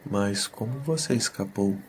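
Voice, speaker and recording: A man's voice: fairly low pitch, a little slow, a little mellow, husky. A man playing an earnest, questioning young adventurer, a loyal companion in a fantasy audio drama.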